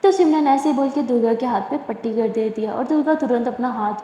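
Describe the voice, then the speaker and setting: Brief: woman narrator of a casual romance story, high-pitched, recorded in an echoey room. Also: fairly quick, mellow, dull audio. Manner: conversational, describing actions plainly. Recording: echoey room with long reverb.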